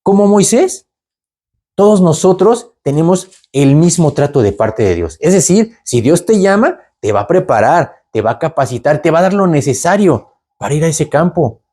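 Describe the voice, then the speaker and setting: A man preaching a sermon in a conversational way. He keeps adding "¿verdad?" to his lines and lifts his voice to act out the people in the story. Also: normal speed. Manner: animated, jumps up in pitch to act out the people in the story.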